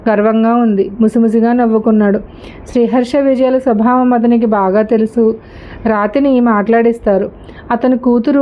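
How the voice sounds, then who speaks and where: A woman narrates a story, reading in a steady, even way. Her voice sits fairly high. The recording is a little dull and lo-fi.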